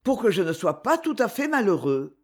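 A woman's voice: mid-range voice, very animated, moderate pace, breathy edge. A lovesick young man speaks earnestly and sorrowfully, in a voice that rises and falls widely, as a female reader does him. He sounds resigned, like a hero in an old storybook.

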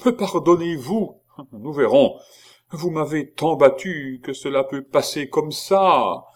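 Un homme qui fait la voix d'un gros moine terrifié, qui supplie en gémissant d'une voix haute et traînante. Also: male voice, steady tone. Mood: terrified. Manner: high wailing pleas, slowed and drawn out. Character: fat terrified male monk, pleading and whining.

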